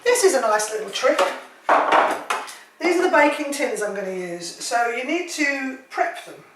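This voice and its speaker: A woman's voice: high-pitched, animated, moderate pace, background noise. A woman giving a cooking demonstration at home, chatty and rambling, with jokey asides. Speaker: home cook. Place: home kitchen. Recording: echoey kitchen with clattering dishes.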